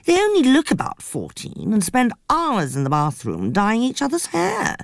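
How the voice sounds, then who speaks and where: A woman's voice: fairly high pitch, wildly swooping pitch, normal speed, vocal fry, no echo, studio quality, pitched above the performer's own voice, full character voice. A woman playing Frida, gossipy and self-pitying. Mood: rueful gossip. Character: flamboyant, rueful woman fleeing her own house. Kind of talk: audiobook character voice.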